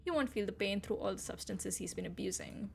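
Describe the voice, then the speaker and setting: A woman's voice: medium pitch, brisk, vocal fry, breathy edge, faint music behind. A woman streamer reading a story game aloud and commenting between lines, casual and joking, swearing freely. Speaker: VTuber streamer.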